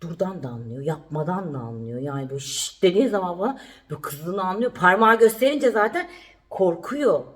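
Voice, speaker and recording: A woman's voice: on the low side, animated, fairly quick, fairly bright tone. A woman from Turkey chatting casually to camera at home in a daily vlog, talking to her puppy in a cooing voice and repeating herself. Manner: chatty, cooing baby talk to her dog, repeats phrases. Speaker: vlogger. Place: at home indoors.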